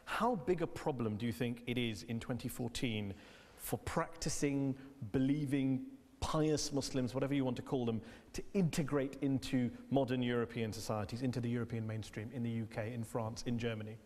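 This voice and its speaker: A man hosting an interview in a debating hall, pressing his guests with rapid questions. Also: mid-range voice, fairly even intonation, a little mellow. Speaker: host. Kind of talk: adversarial studio interview. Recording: long hall reverb.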